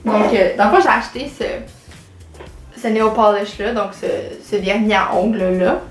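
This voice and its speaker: Unhurried and mid-range, the voice belongs to a late-teen vlogger from Quebec chatting to camera. She scatters fillers and English words everywhere, and the room echoes with a bit of music playing faintly.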